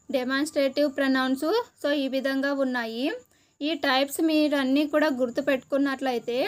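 A woman with a Telugu accent teaching an exam-preparation lesson, listing terms slowly one by one. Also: high-pitched.

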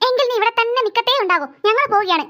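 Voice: extremely high pitch, rapid-fire, sharp tone. A voice actor playing a stern mother in a cartoon who scolds her daughter and refuses to buy anything on a trip. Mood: scolding. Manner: scolding, nagging. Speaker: cartoon character. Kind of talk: cartoon voice acting.

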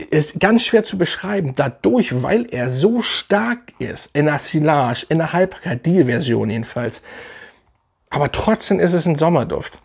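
A man's voice: on the high side, gravelly, darkish tone. A man casually reviewing fragrances for his channel, enthusiastic and rambling, with many fillers and restarts.

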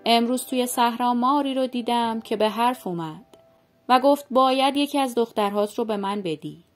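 A woman's voice: on the high side, faint music behind, natural voice. A woman voicing a poor old man in a folk tale, a father who speaks sadly and pleadingly. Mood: sorrowful. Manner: sad, pleading. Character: poor, sorrowful old thorn-gatherer father.

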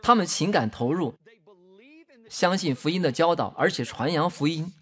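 A husky-voiced man delivers a sermon with fervent emphasis. His pitch sits a little high and leaps widely as he drives home each point, dropping to near hushed tones between bursts. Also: animated, moderate pace. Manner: impassioned, emphatic, sweeping swings between loud and hushed. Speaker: preacher. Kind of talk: sermon teaching.

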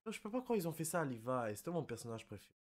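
A young man with a Québécois French accent giving casual reaction commentary, excitable and apologetic, blurting out English exclamations. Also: a little high, very fast, faint music behind. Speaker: anime reaction YouTuber.

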